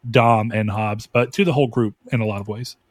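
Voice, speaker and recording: A man co-hosting a podcast, talking casually and thoughtfully about a film, with drawn-out phrasing. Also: on the low side, steady tone, no echo, clean studio sound. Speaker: podcast co-host.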